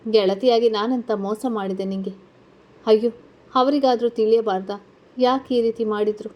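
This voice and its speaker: A woman's voice: on the high side, fairly even intonation, normal speed, highs cut off, close to an everyday voice. A woman voicing a tearful, guilt-ridden young college woman in a read-aloud story, asking anxious questions. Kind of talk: storybook character reading.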